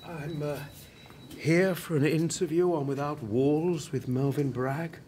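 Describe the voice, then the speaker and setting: The role in this radio drama is a proud, prickly, reflective working-class television writer near death, older and given to wry, deliberate speech. The male actor sounds wry and sardonic, his slightly high voice steady and dark in tone and close to an everyday voice, with slight background noise.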